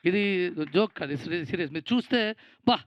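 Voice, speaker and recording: A man's voice: high voice, fairly quick, dull audio. A Telugu-accented man giving a producer's speech at a film event, rambling, thankful and teasing. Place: event stage.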